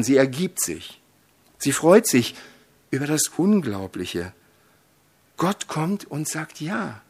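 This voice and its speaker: A man preaching a sermon, solemn and measured, who swells to loud dramatic emphasis when telling a story. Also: fairly high pitch.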